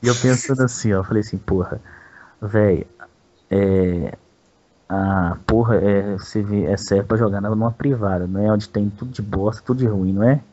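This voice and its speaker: This Brazilian man's voice is lowish, steady, and mellow, and he speaks fairly quickly. He tells a personal story casually, rambling and crude, heavy on slang and forever saying "velho." The lo-fi recording carries a little hiss or hum.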